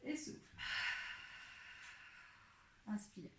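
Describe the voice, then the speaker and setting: A woman teaching a pilates class, calmly cueing each breath and movement step by step. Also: extremely slow. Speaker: pilates instructor. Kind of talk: guiding an exercise class. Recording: echoey room.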